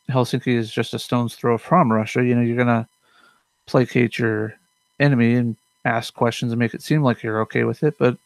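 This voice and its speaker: Rambling man with a gravelly voice. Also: mid-range voice, no echo. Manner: rambling, many fillers and self-corrections; mutters to himself. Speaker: host of a politics commentary show. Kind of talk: casual political commentary. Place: his room at home, at a desk.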